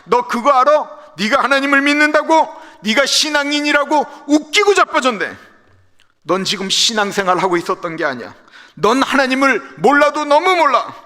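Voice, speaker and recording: A preacher doing a scornful old accuser, his voice pushed high, bright and sharp. He scolds and mocks in a raised tone. The sound rings through a reverberant church hall. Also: lively intonation, moderate pace. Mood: mocking. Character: scornful, accusing ancient male friend of Job. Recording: echoey church sanctuary livestream.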